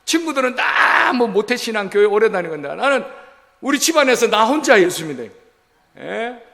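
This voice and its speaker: Male pastor, middle-aged, high voice, gravelly, bright and forceful, folksy animated sermon, church hall reverb. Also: normal speed. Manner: folksy, animated preaching with acted-out quotes. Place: church sanctuary.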